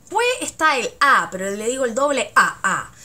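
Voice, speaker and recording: A woman's voice: a little high, big pitch swings, normal speed, bright, forceful tone. A woman from Chile with a Chilean Spanish accent, playfully explaining slang in a comedic vlog and exaggerating sounds and intonation. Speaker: vlogger.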